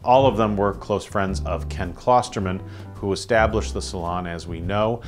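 A man with a fairly low voice leads a guided tour through indoor rooms of a collection. He speaks in a measured, descriptive way, pausing now and then to find his words, while soft guitar music plays faintly underneath. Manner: measured, descriptive, occasional hesitations. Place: indoor private museum rooms.

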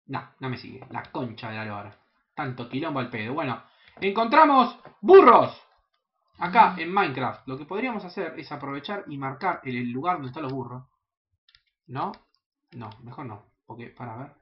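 A young man with a Rioplatense Spanish accent giving casual, excitable, profanity-laden commentary while playing a video game, sometimes breaking into high yelps. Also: normal speed, muffled recording. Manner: excitable, swears often, jumps into high yelps. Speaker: gaming channel host. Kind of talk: casual let's play commentary.

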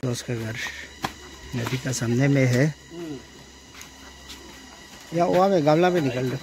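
Against background noise, a medium-pitched man at normal speed vlogs to camera beside a jungle river in the rain. His casual narration is repetitive and packed with exclamations.

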